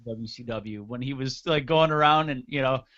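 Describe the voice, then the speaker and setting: A man co-hosting a casual wrestling talk show, animated and rambling, often laughing. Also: medium pitch, moderate pace, highs cut off. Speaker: co-host.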